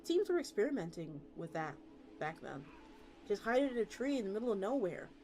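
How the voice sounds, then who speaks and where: Reading a story aloud over background music, a VTuber streamer keeps things casual and conversational. Her mid-range voice is warm and sing-song, delivered briskly.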